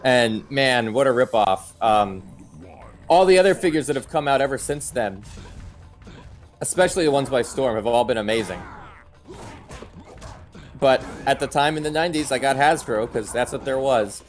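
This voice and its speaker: A middle-aged man hosts a live stream, casually chatting and offering opinions as he responds to viewer comments. His mid-range voice is animated, with a moderate pace and long pauses. Music plays in the background.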